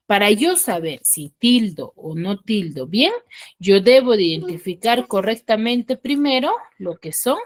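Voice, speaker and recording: A woman teacher giving an online class, explaining step by step. She keeps asking quick questions and answering them herself, and checks in with short "¿ya?" tags. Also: medium pitch. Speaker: school teacher.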